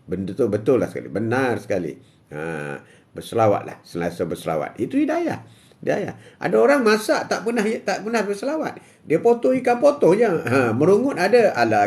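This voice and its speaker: Older man, Malaysian Malay accent, religious livestream talk, swooping animated pitch, emphatic "ha" interjections. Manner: repetitive and emphatic, with frequent drawn-out "ha" interjections. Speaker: host. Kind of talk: religious talk on a live stream, answering viewer comments.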